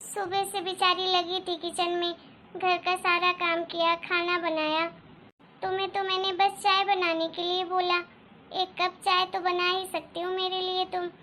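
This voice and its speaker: A gentle fretting mother-in-law. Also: very high-pitched, flat delivery, a little slow, a little hiss or hum, exaggerated voice. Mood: scolding. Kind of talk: Hindi cartoon story dialogue.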